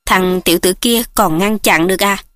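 A woman's voice: medium pitch, normal speed, fairly bright tone, no room sound, studio quality, natural voice. A woman voicing an anxious, tongue-clicking onlooker at an inn in an audiobook story. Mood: worried.

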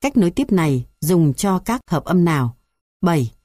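A woman reading a music theory textbook aloud in an even, measured way, going through numbered points. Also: lowish voice, no echo, clean studio sound. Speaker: textbook reader.

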